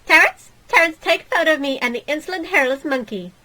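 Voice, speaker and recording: A woman's voice: high-pitched, expressive, sharp tone, voice pushed up. A woman voicing a haughty young mermaid princess who speaks in a pompous, aristocratic way. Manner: pompous, drawn-out aristocratic delivery.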